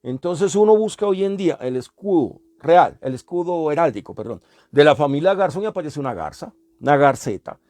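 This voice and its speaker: A man's voice: a little high, a little mellow, dry recording. A man lecturing a class, explaining step by step, repeating sounds and asking the class questions. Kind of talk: classroom lecture on language history.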